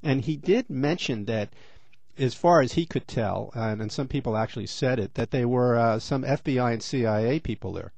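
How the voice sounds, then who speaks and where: A man's voice: mid-range voice, moderate pace, vocal fry, a little mellow, no echo. A middle-aged man hosting a radio interview, chatty and rambling with many fillers. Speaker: radio host.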